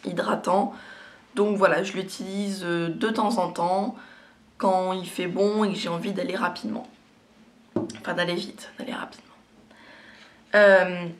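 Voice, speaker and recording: A woman chatting casually to viewers as a beauty vlogger, her voice a little cracked and hoarse, as if it is giving out. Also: mid-range voice. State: slightly hoarse, cracked voice that gives out. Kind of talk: casual product chat to viewers.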